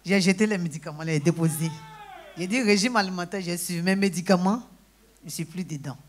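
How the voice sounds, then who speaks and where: A woman giving a lively personal testimony in church, breaking into praise exclamations and acting out conversations. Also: lowish voice, a little fast, slight background noise. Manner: exclaims praise, acts out dialogue.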